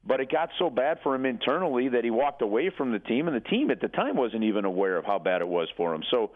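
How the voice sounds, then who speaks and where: A man's voice: medium pitch, very animated, fast talker. A man giving emphatic hockey analysis as a radio commentator, calling in over the telephone and repeating words as he explains. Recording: narrow, tinny phone line.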